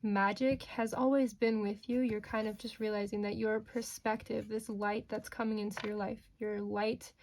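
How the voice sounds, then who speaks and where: A woman with a mid-pitched voice gives an informal fortune teller reading of tarot and oracle cards. She talks directly to the listener in a reassuring, mystical way, often checking in as she goes. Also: level tone, moderate pace, few pauses, darkish tone. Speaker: tarot card reader, host.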